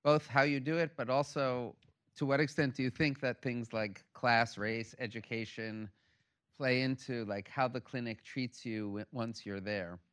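A man's voice: mid-range voice, steady tone, unhurried, a bit bright, clean tone. Man moderating a panel discussion.

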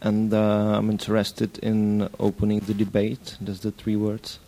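A man's voice: lowish voice, completely flat delivery, unhurried, mellow. A man introducing himself at a workshop in a hesitant way. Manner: hesitant, apologetic. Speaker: think tank member.

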